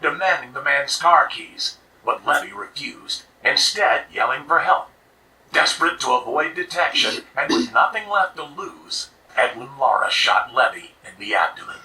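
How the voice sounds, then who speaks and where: A man giving scripted true crime narration in a steady, serious way, played back from a video. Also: on the high side, distant mic, a little hiss or hum, poor audio. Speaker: documentary narrator.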